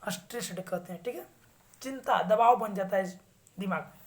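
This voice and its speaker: A woman teaching English vocabulary who reads English sentences slowly with an Indian accent and then explains them in Hindi. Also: mid-range voice. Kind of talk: slow English vocabulary lesson.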